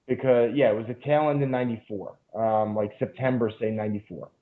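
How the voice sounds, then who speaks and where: This podcast guest, a man who teaches jiu-jitsu, has a mid-range voice with fairly even intonation and talks fairly quickly. Recorded with a narrow, phone-like sound, he spins long, meandering stories in a casual interview, full of fillers and curse words.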